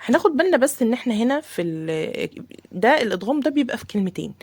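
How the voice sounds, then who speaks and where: Female tajweed teacher, Egyptian accent, casual explainer, warm mellow tone, slow drawn-out recitations. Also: a little high, sing-song. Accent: Egyptian Arabic. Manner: explains casually, then drawls examples slowly. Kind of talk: tajweed lesson with recited examples.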